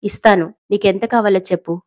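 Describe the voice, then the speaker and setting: A woman's voice: medium pitch, fairly even intonation, fast talker, dry recording, close to an everyday voice. A woman voicing a proud cornered matriarch. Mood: tense. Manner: arrogant, angry, pleading. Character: proud powerful older woman, cornered and angry.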